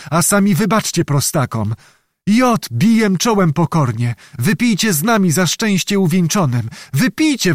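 A man's voice: high-pitched, no echo, clean studio sound, pitched above the performer's own voice. A man doing a pleading old peasant. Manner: pleading, bowing, rustic speech.

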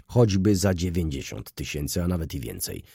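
A man playing a quiet, guarded merchant from a classic audiobook, with a low, gravelly voice and a husky edge, answering in short, restrained lines. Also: sing-song, moderate pace, no echo, studio quality, heavily acted. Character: quiet, reserved middle-aged male merchant. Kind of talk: audiobook character voice.

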